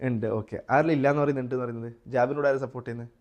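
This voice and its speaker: A man with a Malayali accent teaching a Quran recitation class, quizzing his students and chanting example verses slowly. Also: medium pitch, steady tone, a little mellow, lo-fi sound. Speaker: tajweed teacher. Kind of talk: live class lesson with students.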